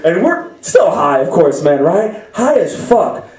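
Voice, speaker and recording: A young man from Chicago performing a story on stage at a story slam, animated and profane, often laughing as he talks. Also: high-pitched, a little slow, far from the mic, crowd noise. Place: stage before a live audience. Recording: roomy hall with audience laughter. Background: audience laughter.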